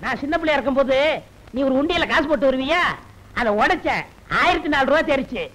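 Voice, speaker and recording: An actor playing a cheeky, simple-minded young nephew in a film, answering back bluntly. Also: male voice, very high voice, poor audio. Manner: cheeky, blunt, rapid deadpan retorts.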